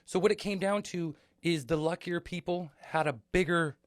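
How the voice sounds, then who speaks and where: A man's voice: a little high, normal speed, dry recording. A man in his forties, a guest on a comedy podcast, chatting casually and telling stories, swearing now and then. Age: 40s. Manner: storytelling, swears freely, acts out quoted voices. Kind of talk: casual chat. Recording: dry close studio mic.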